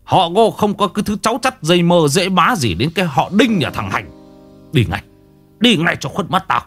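A man voicing a furious old father who shouts and scolds his son, with faint music behind. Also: sits high, big pitch swings, normal speed, slightly rough, voice pushed up, heavily acted. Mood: furious shouting. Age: older.

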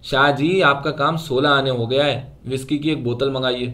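A man reading a story aloud, voicing a loud, backslapping Sikh man who talks heartily. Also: on the high side, natural voice. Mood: hearty. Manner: boisterous, backslapping. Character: loud, hearty Sikh moneylender-type man, hairy-handed.

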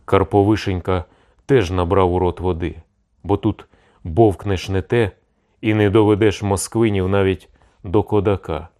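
A male narrator reads an adventure tale in a steady, storytelling manner. His voice is very low and deep, calm through long passages. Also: normal speed. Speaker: audiobook narrator. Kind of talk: scripted narration.

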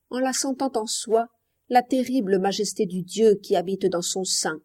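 Female audiobook narrator; mellow, measured, solemn literary reading. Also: on the high side. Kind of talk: scripted narration.

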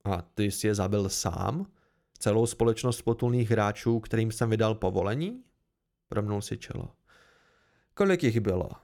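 A man voicing a stern, deliberate noble ruler in an amateur audiobook reading. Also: a little high, sing-song.

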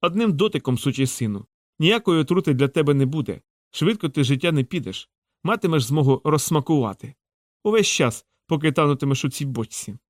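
A man's voice: a little high, animated, brisk, no room sound, studio quality, lightly acted. A man voicing a crowing crime lord. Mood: savoring cruelty. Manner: exultant, crowing, theatrical. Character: gloating vengeful male crime lord. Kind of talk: audiobook character reading.

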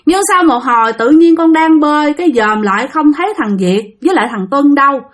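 A frantic young man , put on by a female storyteller, cries out for help. His voice rises high and loud, and his words tumble out fast and breathless. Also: lively intonation.

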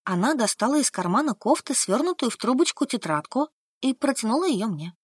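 Woman reading an audiobook, bouncy melodic voice, bit high, super dry close sound. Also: a little fast, slightly rough, no room sound. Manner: lively storytelling with acted dialogue. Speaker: audiobook narrator. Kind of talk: scripted first-person narration.

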